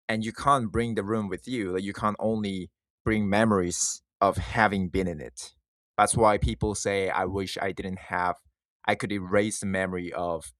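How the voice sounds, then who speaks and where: A man with a low voice talks through his thoughts in an informal video monologue. The sound is dry and close, and his phrasing is halting, often restarting as he thinks aloud. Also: fairly bright tone, dry recording. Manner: hesitant, halting phrasing with repeated false starts. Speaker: video essay creator. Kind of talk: informal reflective monologue to listeners.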